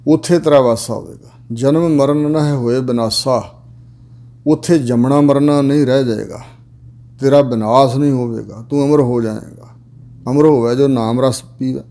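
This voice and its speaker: A man preaching in a mellow, dark voice at a middle pitch. He chants each scripture line slowly and then explains it in a steady, plain way. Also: vocal fry. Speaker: Sikh preacher giving scripture commentary. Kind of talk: sermon with recited verses.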